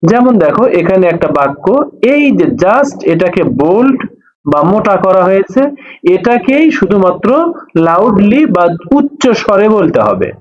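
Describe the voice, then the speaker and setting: A man teaching an English lesson, reading English phrases slowly and then explaining each one again, repeating and rephrasing his points. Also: high voice, lively intonation, dull audio.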